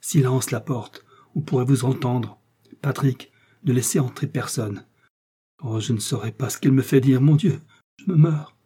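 This is an arrogant nobleman from an audiobook, as a male narrator puts him on, pitched somewhat above the reader's voice and loud. His tone is mellow and husky, and his lines are indignant exclamations. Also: steady tone, unhurried. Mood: dying. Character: haughty English duke, outraged then dying.

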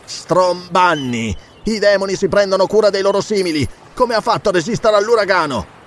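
Fierce high-pitched pirate captain, snarling and barking, read by a man, for an audiobook. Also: expressive, normal speed, a little hiss or hum. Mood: angry. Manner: snarling, shouted threats. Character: fierce ruthless male buccaneer captain. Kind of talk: audiobook character reading.

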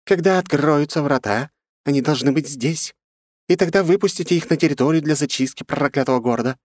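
A man's voice: a little high, brisk, no echo, clean studio sound, voice pushed up, natural voice. A man voicing a cold, commanding female insect queen with a hunger for flesh. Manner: regal, commanding.

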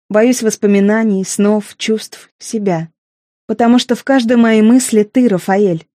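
A woman's voice: medium pitch, mellow, dry recording, clean studio sound. A woman narrating a first-person audiobook in an intimate, emotional manner.

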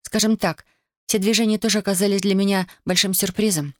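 A woman's voice: medium pitch, fairly even intonation, a little fast, no room sound, studio quality, voice pushed up, lightly acted. A reader voicing a shy, earnest young woman in love, talking in a lifted, breathless way in an audiobook. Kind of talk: audiobook reading.

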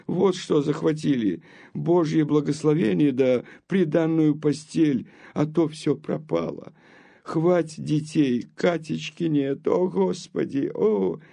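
A man voicing a frantic, weeping middle-aged townswoman who pleads in rapid bursts between sobs, as in a storybook reading. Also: a little high, animated, gravelly, mellow, full character voice. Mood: sobbing.

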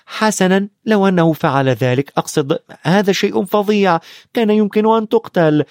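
A man voicing a clever, anxious schoolgirl in an audiobook, with an earnest, excitable delivery. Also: on the high side, fairly quick, dry recording, clean studio sound, pitched above the performer's own voice, natural voice. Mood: upset. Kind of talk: audiobook character voice.

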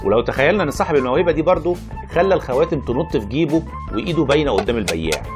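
A man's voice: a little high, expressive, rapid-fire, music in the background, close to an everyday voice. An actor playing a wry, reluctant, learned Egyptian man who argues, explains and narrates in a radio play. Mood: explaining.

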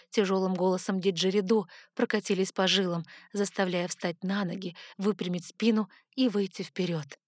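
Female audiobook narrator, measured fantasy storytelling, dry close sound. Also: medium pitch, no room sound.

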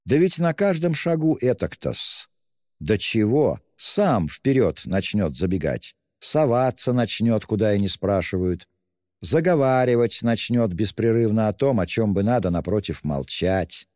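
A sly, ingratiating middle-aged police investigator voiced by a man reading an audiobook, all wheedling endearments and fussy mockery. The voice is dark and low but pushed up in pitch for the part. A long hall reverb trails behind it. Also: very animated, measured pace, studio quality.

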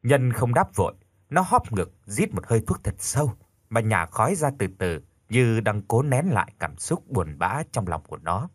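A man narrating a scripted ghost story in a dramatic, expressive way. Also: lowish voice, normal speed, slightly rough, no room sound, studio quality.

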